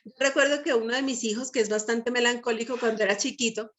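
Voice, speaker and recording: A middle-aged woman with a somewhat high voice delivers a Bible teaching talk. She speaks with emphatic conviction and keeps asking her listeners short checking questions as she goes. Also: fairly even intonation, quick pace, fairly bright tone. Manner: peppers speech with tag questions to listeners.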